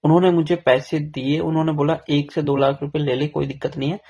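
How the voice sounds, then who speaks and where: Gravelly young man, frank confessional storytelling. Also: fairly high pitch, flat delivery, fairly quick, a little mellow. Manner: frank, self-deprecating, rambling with restarts. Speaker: vlogger telling his trading story.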